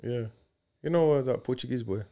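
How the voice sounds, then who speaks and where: A man's voice: mid-range voice, fairly quick, warm tone. A man with an East London street accent, bantering casually as a podcast host in slangy roadman style. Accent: East London, multicultural street London. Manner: slangy, roadman-style talk with bro, bruv, innit.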